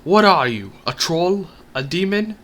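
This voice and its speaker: A man's voice: on the low side, fairly even intonation, slow, smooth. A man voicing a frightened male author who pretends to be a mage in a read-aloud game story. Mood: panicked. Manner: shouting and jumpy, then mock-commanding. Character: nervous male author bluffing as a wizard.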